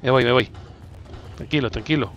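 A man from Spain, commentating a video game casually, teasing the enemy and breaking into excited shouts. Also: mid-range voice, normal speed, slight background noise. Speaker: gameplay commentator. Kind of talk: casual let's-play commentary.

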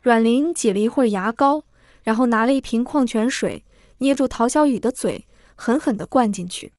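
A woman narrating a dramatic story in a steady, even reading manner. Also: fairly high pitch, moderate pace, dry recording, clean studio sound.

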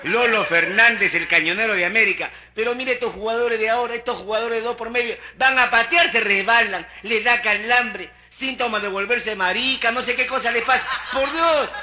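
Middle-aged Peruvian stand-up, rowdy teasing monologue, bright cutting tone. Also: male voice, very high-pitched, moderate pace, hardly any pauses, slight background noise. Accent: Peruvian Spanish. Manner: loud, rowdy, teasing the listener. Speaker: stand-up comic. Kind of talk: street comedy monologue.

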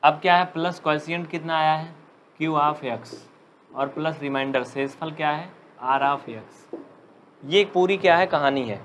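A man teaching a live maths class, chatty and teasing, dictating slowly at times. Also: on the high side, fairly bright tone, a little hiss or hum. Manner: chatty, joking, scolds students playfully.

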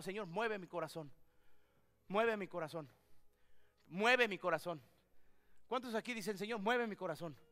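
A pastor preaching a sermon in a church, his voice high and bright. He speaks with a clear, smooth tone, swinging between quiet teaching and loud, fervent prayer. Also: long reverb tail. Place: church sanctuary.

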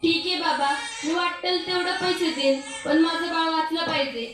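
A woman's voice: very high voice, fairly even intonation, moderate pace, noisy background. A young woman playing an anxious young village mother in an amateur radio drama, pleading and tearful. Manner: pleading, tearful, then determined. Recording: roomy and distant, music beneath.

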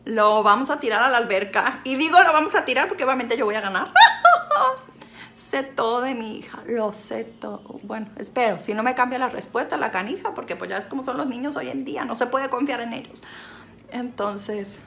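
A woman's voice: fairly high pitch, fairly quick, gravelly, background noise. A woman from Sinaloa, Mexico, with a Sinaloan Mexican accent, chatting playfully through a makeup tutorial, teasing and joking about herself as she goes. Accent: Mexican Spanish (Sinaloa). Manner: playful, teasing, self-mocking, talks to an off-camera helper. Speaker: vlogger. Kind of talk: casual makeup tutorial chat.

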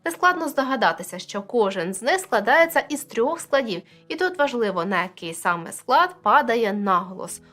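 A woman's voice: fairly high pitch, big pitch swings, normal speed, hardly any pauses, fairly bright tone, soft background music. A woman teacher explaining poetic meter in a video lesson, addressing viewers directly and counting syllables aloud.

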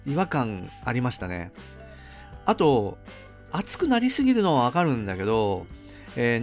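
A middle-aged man talks through a film review in a loose, chatty way, full of asides and fillers. His pitch moves around a lot as he talks. Faint music plays behind him. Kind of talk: casual solo film review.

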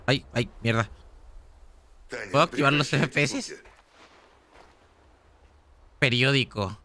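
A Mexican man streaming a survival horror game live, chatting excitably and casually with his viewers in slangy speech. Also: medium pitch, unhurried. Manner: chatty, excitable, slangy, talks straight to chat. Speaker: gaming streamer. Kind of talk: live gaming commentary.

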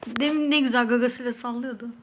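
A woman's voice: fairly high pitch, steady tone, quick pace, noisy background. A woman filming her pet birds at home on a phone, cooing and baby-talking to them. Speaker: bird owner filming her pets. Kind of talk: casual home video. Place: home room with birdcages. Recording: loud bird chirping and clicks.

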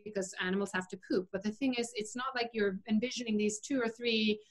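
An earnest woman speaks as a guest on a video call interview. She explains her views at length, opinionated and relaxed, with plenty of ums and uhs along the way. Her pitch sits in the middle. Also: fast talker. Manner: earnest, opinionated, many fillers. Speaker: interview guest, vegan chef. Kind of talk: casual conversational interview.

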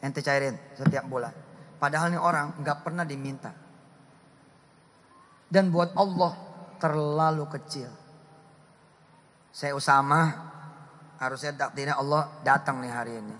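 A man preaching a lively sermon, swinging from loud bursts to hushed asides as he talks with his audience. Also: fairly high pitch, a little slow, pauses often. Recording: hall reverb.

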